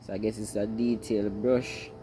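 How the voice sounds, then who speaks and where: A Jamaican man comments casually in a fairly low voice. Clear ambient noise sits behind his words. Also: flat delivery, normal speed. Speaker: friend doing a makeup voice-over.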